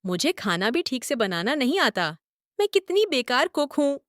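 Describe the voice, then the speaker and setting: A weepy young bride from a cartoon story, voiced by a woman. She talks in a tearful, apologetic whimper, and her voice sits fairly high. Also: very animated, moderate pace, a bit bright. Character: young new bride who weeps at everything.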